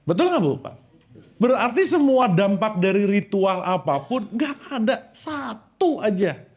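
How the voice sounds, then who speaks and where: A man preaching a lively sermon to a live audience, joking and quizzing them with questions. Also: high-pitched, unhurried. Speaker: Islamic preacher.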